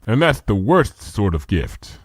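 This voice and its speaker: A man's voice: on the low side, sing-song, measured pace, slightly rough, no echo, clean studio sound, heavily acted. Man voicing a solemn, regal ancient princess mare. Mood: remorseful, earnest.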